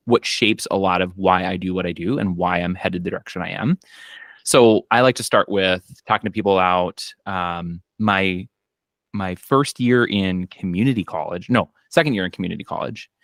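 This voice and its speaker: An accountant and business owner in his thirties, from Minnesota in the US Midwest, chats on a casual podcast from his home office over a video call. He has a deep voice and a Minnesotan accent, telling stories in a relaxed way full of fillers and quoted asides. The sound is dry with no echo.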